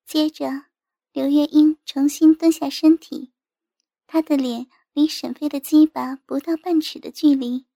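A woman narrating a story in a steady, even reading voice. Her pitch is high, yet the tone stays mellow and soft-edged. The recording is dry and close to the mic, with no room sound. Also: a little slow, vocal fry, no echo. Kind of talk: scripted narration.

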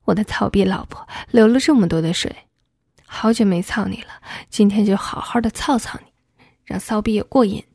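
A woman voicing a commanding husband in a hushed, insistent whispered role-play. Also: mid-range voice, normal speed, creaky, husky, dry recording. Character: a husband, adult man, aroused and commanding.

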